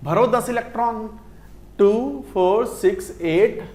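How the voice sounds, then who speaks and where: A man with an Indian accent teaching chemistry, speaking in a fairly high voice at a slow, deliberate pace. He counts aloud step by step as he writes. The sound carries a roomy echo. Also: darkish tone. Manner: counts aloud while writing on a board. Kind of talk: classroom lecture mixing Hindi and English.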